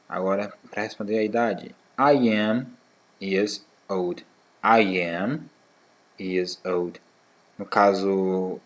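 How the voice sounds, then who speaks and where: A man teaching a beginner English lesson to schoolchildren, saying model phrases slowly and repeating them, checking in with short "tá?" tags. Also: deep voice. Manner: slow, drawn-out model phrases, repeated for practice; fillers like "tá?" and "né". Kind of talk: English lesson for sixth graders.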